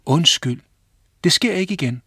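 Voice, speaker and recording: A man voicing a bored, mischievous young village boy in a storybook reading, shouting and teasing. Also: fairly high pitch, lively intonation, breathy edge, no echo, clean studio sound, voice pushed up, exaggerated voice. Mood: pleading.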